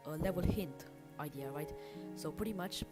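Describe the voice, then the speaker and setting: A woman speaks at a normal speed in a low-pitched voice, casually chatting on her livestream while working. The hobby game developer thinks aloud informally and self-deprecatingly, accompanied by background music and keyboard typing.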